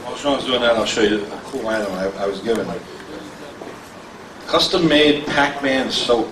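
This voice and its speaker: A middle-aged man calling bids as an auctioneer at a convention, joking with the crowd and rattling off prices. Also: medium pitch. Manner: joking, self-deprecating banter with the crowd; rapid bid calling. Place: large convention hall with a crowd. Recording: echoey hall, voice from far off, faint noise.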